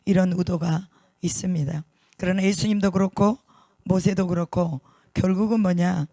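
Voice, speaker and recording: Pastor, male, fairly high voice, dry close sound, emphatic sermon delivery with repeated words and rhetorical questions. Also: fairly even intonation, moderate pace, mellow, no room sound. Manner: repeats key words for stress.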